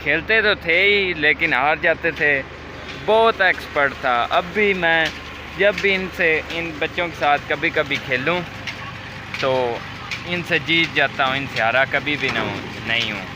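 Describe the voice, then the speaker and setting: A man from Pakistan vlogs outdoors as he walks through his village toward a shop, talking directly and chattily to viewers with a slightly sore throat. His voice is a little high and his pace measured, with noise in the background.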